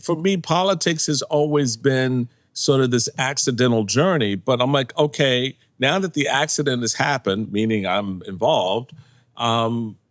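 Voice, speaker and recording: A man in his sixties, a guest in a casual interview, telling lively stories and acting out what people said, laughing often. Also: mid-range voice, no echo. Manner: animated storyteller, acts out quotes, laughs often. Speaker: podcast guest, former party chairman.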